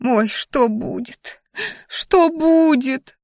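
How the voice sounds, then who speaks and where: A woman's voice: medium pitch, moderate pace, no room sound, natural voice. A woman voicing an anxious young female student roommate who stammers and gasps for breath, in a fantasy audiobook. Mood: panicky. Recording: dry close audiobook recording.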